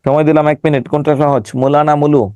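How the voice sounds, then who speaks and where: A man's voice: on the high side, little pitch movement, fast, warm tone, smooth, no room sound. A male teacher giving an online exam-prep class, emphatic, repeating words and sounding them out syllable by syllable.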